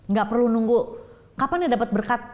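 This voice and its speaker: A middle-aged woman giving an emotional personal testimony as a talk show guest, telling her story with lively, acted-out storytelling. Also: fairly high pitch, a little fast. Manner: lively storytelling, acting out quoted voices.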